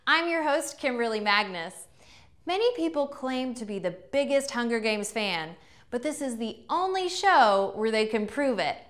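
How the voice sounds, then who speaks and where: A woman's voice: fairly high pitch, expressive, moderate pace, a bit bright. A young adult woman hosting a fan trivia game show with upbeat enthusiasm. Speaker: host.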